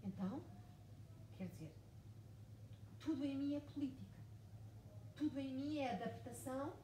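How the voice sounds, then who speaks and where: Speaking at a moderate pace, this woman has a high-sitting, animated voice with a dark tone. A writer from Mozambique in her forties, she's the author guest at a bookshop event, recounting her story with emphasis and much repetition. The recording is noisy, made from a distance in an echoey room.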